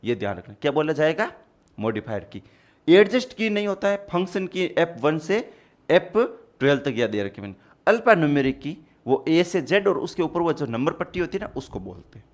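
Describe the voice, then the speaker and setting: A man's voice: a little high, sing-song, fairly quick. Man, lecture teacher, explains step by step, repeats key points, slightly raised voice. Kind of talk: exam-prep lecture.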